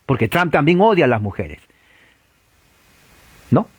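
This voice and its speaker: Fiery preacher, dry close sound. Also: male voice, very animated, a little slow, breathy edge, no echo. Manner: provocative, rhetorical questions, swings from loud to low. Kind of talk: sermon.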